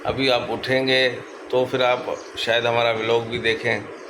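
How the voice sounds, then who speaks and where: A man's voice: medium pitch, little pitch movement, measured pace, noisy background. A man vlogging about his pet birds, coaxing them with repeated calls and baby talk while chatting to his viewers. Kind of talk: casual pet vlog, talking to viewers. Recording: echoey room with loud bird chatter. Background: birds calling.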